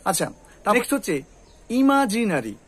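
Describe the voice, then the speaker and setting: Guy teaching english sounds, high voice, says every word over and over and quizzes the kid. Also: animated, fairly quick. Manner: drills words by repeating them and quizzing. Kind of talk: tutoring lesson with a student.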